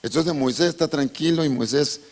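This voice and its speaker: A man's voice: fairly high pitch, normal speed, darkish tone. A male pastor, preaching a dramatic storytelling sermon and calling his listeners brother.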